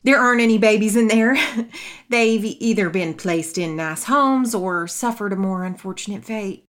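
An actress playing a defensive, evasive charity operator in a period drama, brisk in manner. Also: female voice, medium pitch, close to an everyday voice.

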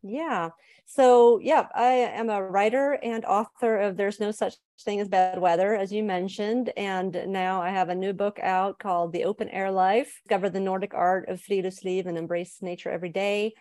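A woman's voice: mid-range voice, fairly even intonation, normal speed, darkish tone, no room sound. A woman from Sweden, an author, explaining her ideas thoughtfully as a guest on a podcast interview.

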